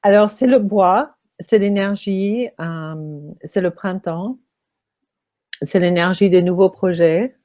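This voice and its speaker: A woman who is losing her voice speaks as a feng shui consultant answering interview questions, halting often with fillers. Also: mid-range voice, warm tone. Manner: halting, many pauses and fillers.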